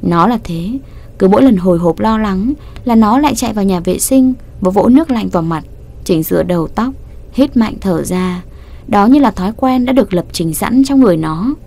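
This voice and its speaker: A woman narrating an audiobook in an even, unhurried voice. Her pitch sits in the middle, and she keeps the storytelling steady from line to line. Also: gravelly. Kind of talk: scripted narration.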